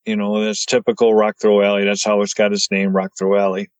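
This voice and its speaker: A man telling his story as a podcast guest, excited and stumbling over his words as he gets wound up. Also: lowish voice, brisk, no room sound, rough recording.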